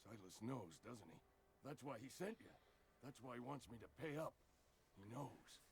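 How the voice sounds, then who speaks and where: A man's voice: mid-range voice, expressive, moderate pace, a little hiss or hum, natural voice. An actor playing a sickly, paranoid, very old man in a video game, rambling nervously in a folksy way. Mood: paranoid, morbid. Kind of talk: video game character dialogue.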